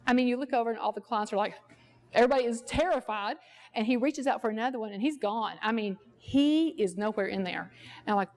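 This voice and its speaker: A woman's voice: a little high, fast talker, darkish tone. A woman therapist presenting a workshop, talking conversationally and telling stories from her practice. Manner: conversational, storytelling, acts out quoted dialogue. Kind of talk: lecture with personal anecdotes. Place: workshop at a ranch.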